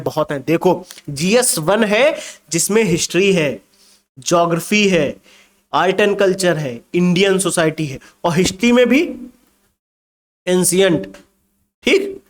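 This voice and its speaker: A man teaching exam preparation, lecturing emphatically and firing rhetorical questions at his students. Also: sits high. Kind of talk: motivational exam-prep lecture.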